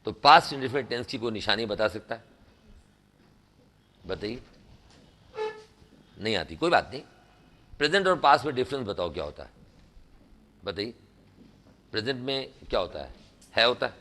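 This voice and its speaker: Bright-voiced Indian male English teacher. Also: medium pitch, normal speed, pauses often. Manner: animated, quizzing students, praising answers. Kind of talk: classroom lesson. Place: classroom.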